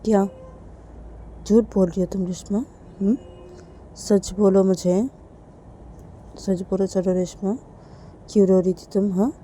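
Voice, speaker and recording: A stern, angry mother, as a woman storyteller puts her on, firing repeated questions with a scolding edge. Her voice is dark and mellow, pitched in the middle, in a homemade spoken story. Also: flat delivery, slow, pauses often, slight background noise, close to an everyday voice. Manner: scolding, demanding, insistent questioning.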